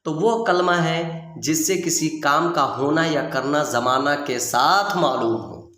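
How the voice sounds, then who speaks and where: A man with a fairly high voice teaches a recorded grammar lesson in an echoey room. He explains patiently, repeats each point and poses questions to the viewer before answering them himself. The sound has a noticeable room reverb. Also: bright, forceful tone. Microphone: video lesson mic.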